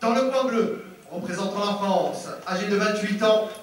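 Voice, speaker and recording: A man working as a ring announcer, giving showy, booming fight introductions with drawn-out, shouted names, like a fighting game announcer. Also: slight background noise. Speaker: ring announcer at a kickboxing event. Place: indoor fight venue over PA system. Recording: very echoey arena PA, distant.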